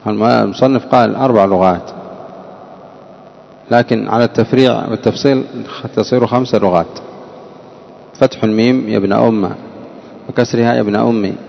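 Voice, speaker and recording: A man's voice: medium pitch, vocal fry, a little mellow, dull audio. A man teaching a grammar lesson, often asking his class questions and repeating the answers. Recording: long hall reverb.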